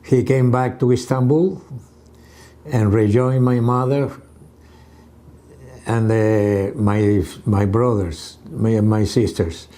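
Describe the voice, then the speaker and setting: An older man from Cuba answering an oral history interview at home in short, halting replies. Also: on the low side, fairly even intonation, warm tone.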